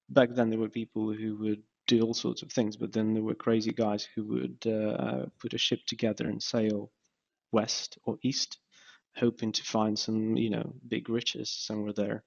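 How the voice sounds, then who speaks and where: Fillers, restarts and hesitation mark the casual speech of this Ukrainian startup founder being interviewed. His voice is lowish and gravelly with a somewhat dark tone, captured in dull lo-fi podcast audio.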